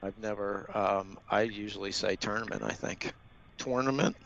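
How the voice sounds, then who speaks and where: A male sports commentator calling a match in a laid-back way, with dry jokes. His low voice is gravelly, and the audio is dull and lo-fi. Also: completely flat delivery, normal speed, fairly bright tone. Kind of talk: casual live sports commentary.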